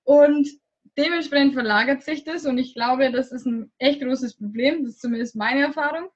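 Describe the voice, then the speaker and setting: A woman's voice: high-pitched, moderate pace, lo-fi sound. A young woman from Germany in her twenties, a guest chatting casually in an interview, rambling with many fillers.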